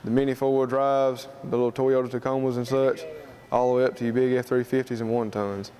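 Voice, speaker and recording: A man's voice: medium pitch, little pitch movement, fairly quick, mellow. A man with a Southern US accent giving an informal interview, explaining things in a plain-spoken, folksy way. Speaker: student club president being interviewed.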